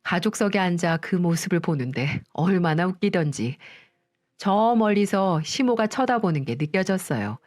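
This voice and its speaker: A woman's voice: on the low side, lively intonation, normal speed, darkish tone. A woman narrating a first-person story, telling it with an indignant, vindictive manner.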